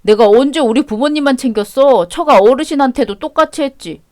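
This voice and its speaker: A selfish husband in a radio drama, stingy and quick to brush off complaints, as a woman reads him. The voice sits fairly high. It is recorded close and dry, with no room sound. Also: a little mellow, dry recording, close to an everyday voice. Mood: dismissive. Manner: dismissive, irritated arguing. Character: selfish stingy married man, defensive.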